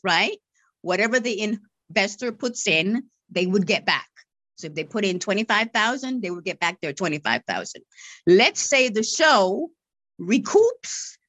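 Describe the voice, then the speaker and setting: With no room sound in the recording, this woman speaks at medium pitch with a slightly bright tone. She's a podcast guest and marketing and media relations director who stutters, repeats words and keeps saying "right?" as she patiently explains things in her interview answers.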